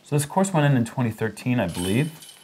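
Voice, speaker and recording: A man's voice: mid-range voice, expressive, a little fast, a little mellow, slight background noise. A man doing casual play-by-play commentary on disc golf.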